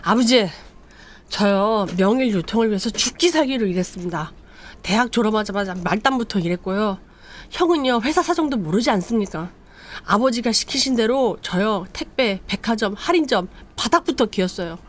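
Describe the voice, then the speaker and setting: A woman's voice: mid-range voice, lively intonation, normal speed, natural voice. A woman voicing a resentful younger son who feels passed over, while retelling a drama story. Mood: aggrieved.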